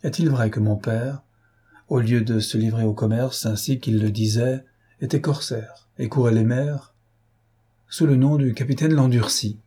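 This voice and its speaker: A man's voice: mid-range voice, fairly even intonation, a little slow, mellow, husky. A man reading aloud and voicing a grave young woman who speaks with firm, solemn resolve. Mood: pleading.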